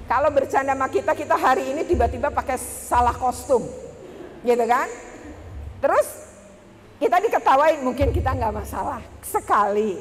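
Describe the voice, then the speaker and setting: A woman speaking to a room of teachers at a workshop, lively and chatty as she addresses the audience directly. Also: high-pitched, moderate pace. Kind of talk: presentation to an audience. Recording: reverberant hall, faint background noise.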